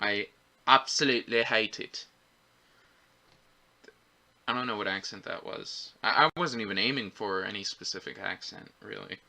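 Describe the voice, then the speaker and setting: A man's voice: on the low side, fairly quick, vocal fry, few pauses, pushed and bright. A man giving a movie commentary, ranting in an exasperated, repetitive way. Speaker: movie reviewer.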